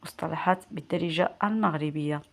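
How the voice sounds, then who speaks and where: A woman with a Moroccan accent teaching vocabulary, reading out word lists slowly and clearly and repeating each word beside its standard equivalent. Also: sits low. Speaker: language teacher.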